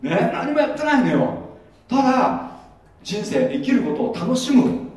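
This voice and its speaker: A middle-aged man preaches in a high, swooping voice that rises and falls freely. He keeps it conversational, quizzing his listeners as he goes. The sound is heavily echoey and picked up from well back in a large hall. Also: big pitch swings, measured pace, darkish tone. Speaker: pastor. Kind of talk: sermon. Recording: echoey hall, mic far off.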